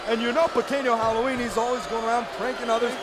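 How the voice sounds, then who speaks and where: A man giving excited lucha libre announcer commentary, calling the play-by-play emphatically. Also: very high-pitched, quick pace, crowd noise, background noise. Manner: emphatic, shouted calls. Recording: loud music behind. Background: loud music.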